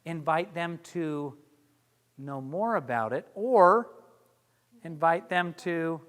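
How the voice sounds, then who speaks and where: A man presenting a workshop, energetic and joking, quizzing his audience as he teaches. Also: on the high side, slow pace. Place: lecture room with audience. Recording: long hall reverb.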